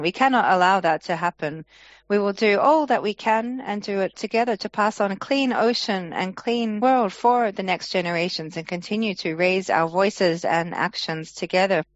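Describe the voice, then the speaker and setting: A woman's voice: medium pitch, no room sound. Woman's translation voice-over, dull lo-fi audio. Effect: translation voice-over of a speaker. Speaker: interpreter. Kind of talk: interpreting a forum speech. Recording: dull lo-fi online forum audio.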